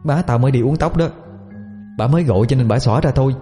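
A man voicing a feisty, bossy teenage girl, in a shrill, squealing voice. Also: warm tone, big-room sound, faint music behind, close to an everyday voice. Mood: explaining. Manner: fast, scolding, then wailing.

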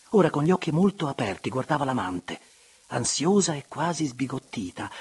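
A man reading a classic novel aloud as an audiobook narrator, measured and expressive, sometimes sinking to hushed tones. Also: medium pitch, husky.

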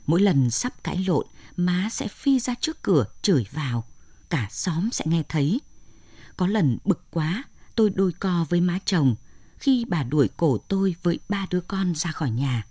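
A woman, narrating a story in a plain, steady way. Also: fairly low pitch, dry recording. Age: 60s. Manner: plain, steady telling with lists of short phrases.

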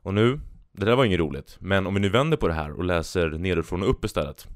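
Low-voiced casual man hosting a podcast. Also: expressive, no echo, clean studio sound. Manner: rambling, self-amused, reads jokes aloud with voices. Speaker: podcast host. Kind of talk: casual solo podcast chat, reading jokes.

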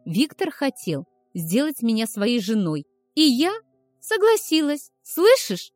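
A woman's voice: medium pitch, sing-song, normal speed, darkish tone, dry recording, clean studio sound, soft background music. Woman playing a furious young werewolf woman. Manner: fierce, biting, growled retorts.

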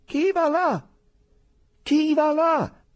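A man doing a shouting fortress sentry. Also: extremely high pitch, dry recording, pitched above the performer's own voice, heavily acted. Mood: challenging. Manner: loud drawn-out shouted challenge. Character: stern young male sentry calling a challenge.

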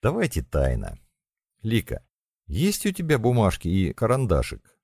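A decisive young woman giving orders, her voice lifted well above a man's usual pitch , as a male narrator plays her. She talks crisply and firmly. The recording is close and dry. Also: huge pitch swings, measured pace, a little mellow, dry recording, exaggerated voice. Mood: playful. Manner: decisive, commanding. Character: brisk young woman squad commander. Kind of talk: audiobook character voice.

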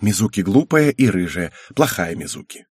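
A man voicing a patient, tired middle-aged father in an audiobook, speaking slowly with sighs. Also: low-pitched, very animated, darkish tone, slightly rough, dry recording, clean studio sound, heavily acted. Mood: calm. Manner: slow, sighing, soothing.

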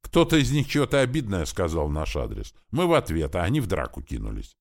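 A man's voice: sits low, wildly swooping pitch, fast, creaky, heavily acted. A man reading an audiobook, voicing an eager young male student proudly recounting a fight. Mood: excited. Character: excited young male student back from a brawl. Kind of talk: audiobook character voice.

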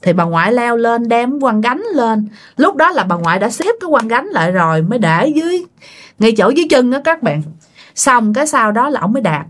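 A woman's voice: a little high, sing-song, brisk. A woman narrating a ghost story for her channel, chatty and colloquial, often speaking straight to her listeners.

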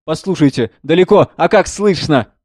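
A man's voice: on the high side, lively intonation, moderate pace, darkish tone, no echo, clean studio sound. A man reading the part of a wounded young son who speaks in an eager, urgent rush.

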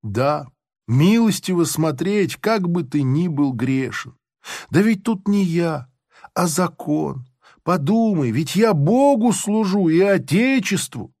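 A man's voice: fairly high pitch, animated, slow pace, dry recording, clean studio sound, heavily acted. A man playing a sanctimonious, sadistic army officer who talks in a smug, moralizing way, in a storybook reading. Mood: smug, oily. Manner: unctuous, moralizing, then gleefully shouting.

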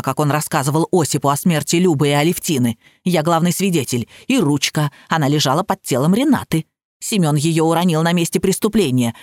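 A woman's voice: low voice, a little mellow, dry recording, studio quality, voice pushed down. A woman reading the part of a scheming, stubborn widow who answers accusations sharply and defiantly.

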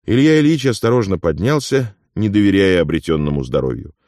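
A man narrating an audiobook in a measured, steady storytelling manner. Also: low-pitched, no room sound, clean studio sound.

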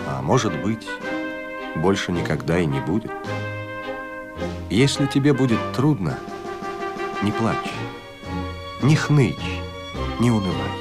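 An earnest wartime writer in a radio drama. He speaks low and very slowly, with wide, grave swells of feeling. Loud music runs underneath. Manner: slow, grave, heartfelt. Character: earnest wartime writer, solemnly addressing children from the front.

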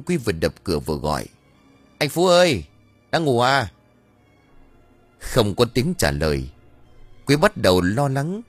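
Low-voiced guy reading an audiobook, super expressive, soft music behind. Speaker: audiobook narrator. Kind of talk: scripted story narration.

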